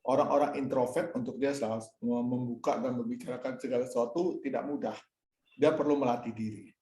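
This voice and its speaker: A man talks to a church fellowship in a relaxed, preaching way. He tells a personal story and acts out each line of the dialogue himself. His voice carries some room echo. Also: mid-range voice, brisk. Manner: addresses listeners as "Saudara". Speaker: speaker at a church fellowship meeting. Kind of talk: casual sermon-like talk answering questions.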